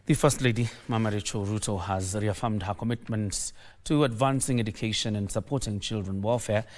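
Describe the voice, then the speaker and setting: A man with a Kenyan accent presenting the news as an anchor in a measured, formal delivery. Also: fairly low pitch, darkish tone. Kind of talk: live news presenting, reading stories.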